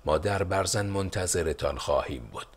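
A man playing a stern, decisive rebel leader and father in an audiobook. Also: low voice.

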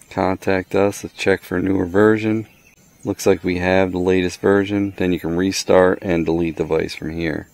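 Outdoors under a canopy in a wooded yard, a man from the Americas gives a casual, hands-on product walkthrough as a reviewer. His deep voice has a darkish tone, and he talks plainly and matter-of-factly in short, clipped phrases.

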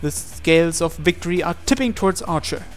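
This man's voice is on the high side and animated, and he reads a little fast. He's narrating a visual novel dramatically as a let's player, reading the on-screen text over music.

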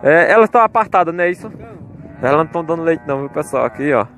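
A vlogger touring a cattle fair films on his phone as he walks through outdoor pens, chatting to viewers amid crowd chatter and soft background music. His fairly bright voice sits on the high side with lively intonation, and he talks very fast, repeatedly calling out to his audience.

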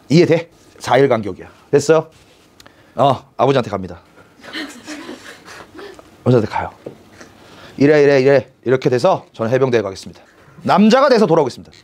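Animated male teacher in his 40s. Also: mid-range voice. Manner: animated, slangy and chatty, with frequent fillers and rhetorical questions. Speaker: English teacher. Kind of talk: storytelling in a lecture.

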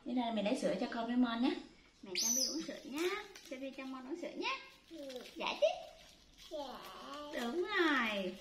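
A young woman talking to her pet monkeys as their mother, coaxing them in gentle baby talk. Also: a little high, expressive, moderate pace, pauses often, echoey room, heavy background noise.

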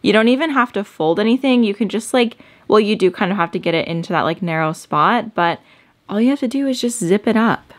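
A young adult woman talks her way through a home organizing vlog. Her voice sits at a middle pitch, and her talk is loose and chatty, full of "like" fillers. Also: expressive, brisk. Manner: chatty, rambling, lots of "like" fillers. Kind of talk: casual chat. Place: at home, indoors.

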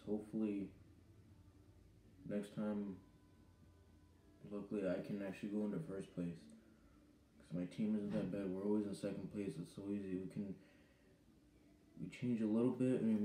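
A man's voice: on the low side, little pitch movement, normal speed, long pauses, dark tone, roomy sound, a little hiss or hum. A teenage boy vlogging casually to camera from his bedroom, rambling and hesitant with lots of ums. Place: small bedroom indoors. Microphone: webcam or phone at arm's length.

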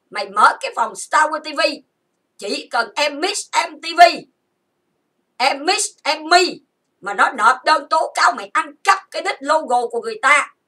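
A high-voiced woman rants in anger, hurling accusations and stacking grievance after grievance. Her tone is bright and sharp with a husky edge. She sits some way off from the mic. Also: distant mic. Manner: accusatory, insulting, repetitive listing. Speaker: channel host. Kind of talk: angry ranting monologue.

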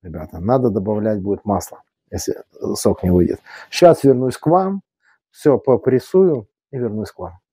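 Male cooking host, Odesa Russian accent with Yiddish flavor, very dark mellow tone, close dry sound, folksy and casual. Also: on the low side, expressive, normal speed, husky, dry recording. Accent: Odesa Russian, Yiddish-tinged. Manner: folksy, repetitive, fond of affectionate diminutives.

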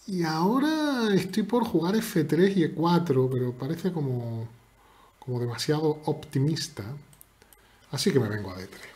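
A man's voice: fairly high pitch, big pitch swings, normal speed, darkish tone. A man streaming and commentating his own live chess games in a playful, chatty way, teasing his opponent and talking to his viewers.

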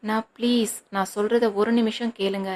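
A woman's voice: fairly high pitch, level tone, normal speed, close to an everyday voice. A woman reading as a pleading young sister. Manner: pleading, soft, resentful. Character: hurt young woman pleading with her brother. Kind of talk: audiobook novel reading.

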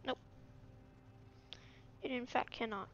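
A woman co-hosting a gaming video in casual chat, excitable and giggly and quick to yelp. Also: fairly high pitch, muffled recording, slight background noise.

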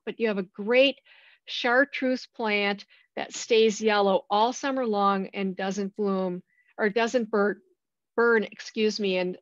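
A woman with a fairly high voice gives a friendly, enthusiastic slide presentation about new shrubs to a garden club. The recording is dull and lo-fi, and the sound is dry with no room echo. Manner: friendly, enthusiastic plant descriptions with fillers. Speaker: garden club speaker from a plant nursery.

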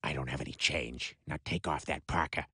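An actor playing a crude cartoon husband who has suddenly got an extremely deep, rumbling voice. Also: male voice, steady tone, fairly quick, sharp tone, breathy edge, no echo, studio quality, full character voice. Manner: crude, blunt. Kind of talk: cartoon voice acting.

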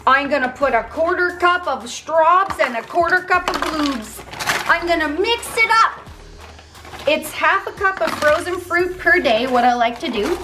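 Woman, 30s, high bright pitch, casual cooking vlogger, home kitchen, camera close. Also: animated, a little slow, music in the background. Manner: chatty, upbeat, talks while cooking. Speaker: vlogger sharing meal prep. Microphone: handheld camera held close.

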